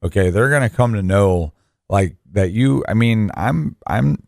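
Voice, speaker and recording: Low-voiced man hosting talk radio. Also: animated, a little slow, vocal fry, a little mellow, dry recording, studio quality. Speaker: radio show co-host. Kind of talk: conversational radio talk with personal asides.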